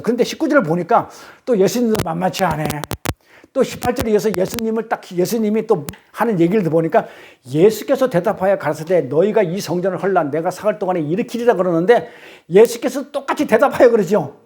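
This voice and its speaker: A man's voice: high voice, a little mellow, slight background noise. A male pastor giving a Sunday sermon in blunt, colloquial speech, acting out heated arguments as he preaches.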